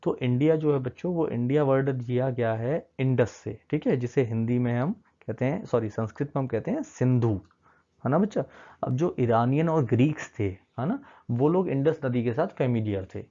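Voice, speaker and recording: In dull lo-fi audio, a male teacher with a dark, mid-range voice and lively intonation guides a class of children through a map at a moderate pace. He coaxes them along, keeps checking in, and weaves English terms into what he explains.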